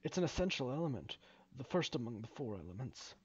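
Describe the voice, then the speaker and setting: A man's voice: mid-range voice, very animated, breathy edge, no echo. A man doing a fumbling mine overseer. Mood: explaining. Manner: halting, full of uhs and fumbling restarts. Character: hesitant male mine overseer, polite and rambling. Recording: dull lo-fi recording.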